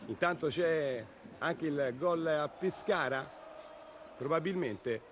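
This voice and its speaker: A man's voice: a little high, takes it slowly. A man delivering running live football commentary, following the play as it unfolds. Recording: clear outdoor stadium noise.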